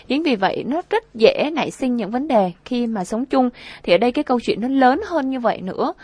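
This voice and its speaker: A woman with a fairly high voice co-hosts a radio advice programme. She speaks conversationally and earnestly, repeating key phrases to press her point. The sound is very dry, with no room echo. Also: a little mellow. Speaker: radio co-host giving relationship advice.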